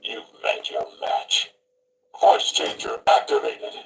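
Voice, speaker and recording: A toy voice changer playing a stern male superhero, his voice deep and electronically morphing. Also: takes it slowly, low-quality recording. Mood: menacing.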